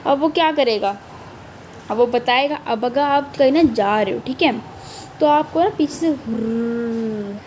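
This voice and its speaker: A woman's voice: sits high, darkish tone, slight background noise, poor audio. A young woman teacher, explaining a poem line by line, reading each line aloud and repeating the meanings.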